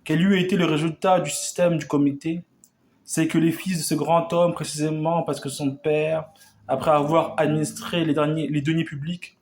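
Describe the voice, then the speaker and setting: A man with a fairly high voice declaims an old revolutionary speech as oratory, building long rhetorical sentences. He frequently stumbles over words and starts them again.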